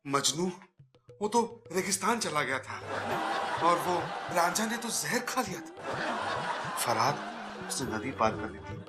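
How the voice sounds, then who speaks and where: A woman's voice: low voice, very animated, a little slow, pauses often. A woman's voice in a TV comedy serial as a lovesick husband, teasing and romantic. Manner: playful, romantic. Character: husband's voice dubbed in, lovesick man. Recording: TV serial with loud music.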